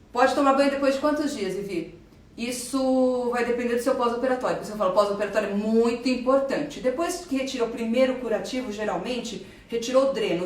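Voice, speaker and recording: A woman plastic surgeon with a Brazilian Portuguese accent who answers viewers' questions in a live stream, talks fast and with enthusiasm, and explains while pointing and drawing. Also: a little high. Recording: roomy echo, voice a bit far from the mic.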